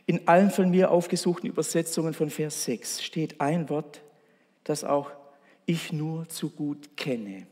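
A male preacher delivers a sermon in an earnest, storytelling way, turning often to speak straight to his listeners. His voice sits slightly high with a husky edge. The sound carries the long reverb of a large hall. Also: measured pace, darkish tone. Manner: earnest, storytelling, addresses congregation directly.

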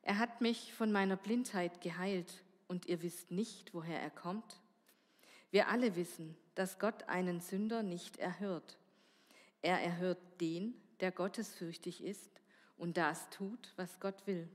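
A woman reading a Bible passage aloud in church, measured and giving each speaker's lines some voice. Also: fairly low pitch. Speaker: scripture reader. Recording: church hall reverb.

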